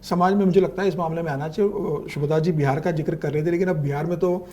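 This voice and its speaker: Middle-aged journalist, a man, high voice, emphatic panel opinions. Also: steady tone, mellow, highs cut off. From Madhya Pradesh, India. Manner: emphatic, opinionated, quick to agree. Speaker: senior journalist. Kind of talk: panel discussion.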